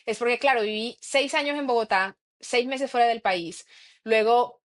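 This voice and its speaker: A woman's voice: on the high side, normal speed. A young adult woman from San Andrés island telling her life story in a casual interview, full of fillers. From San Andrés island, Colombia. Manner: chatty, lots of fillers like "o sea" and "como". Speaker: interview guest, expedition guide.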